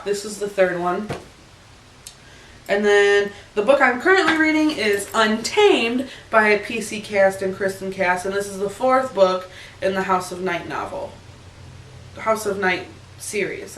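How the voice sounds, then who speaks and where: A woman's voice: medium pitch, fairly bright tone, slight background noise. A young woman vlogging in a casual, rambling chat, giggling as she answers questions in her bedroom. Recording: echoey room, camera far off.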